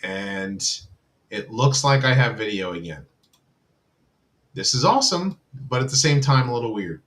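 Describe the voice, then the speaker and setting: Speaking into a computer mic, this man hosts a relaxed livestream chat, wandering loosely from point to point and filling gaps with plenty of filler words. His voice sits in the mid-range, sing-song and fairly bright, at a moderate pace.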